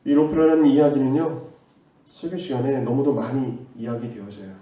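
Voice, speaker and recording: A man's voice: medium pitch, fairly even intonation, moderate pace, warm tone. A male pastor preaching a sermon, earnestly urging his congregation and leading them in call-and-response. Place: church sanctuary. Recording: echoey hall from far off.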